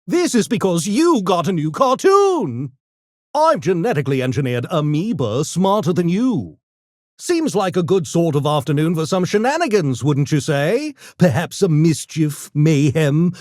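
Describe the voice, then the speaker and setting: For game voice lines, a man plays a genteel, mischievous gremlin, a genetically engineered intellectual, in a playful mood: unhurried and theatrical, with extremely swooping intonation and posh, pompous, mock-polite diction. His voice is on the high side with a darkish tone. The studio-quality recording has no echo.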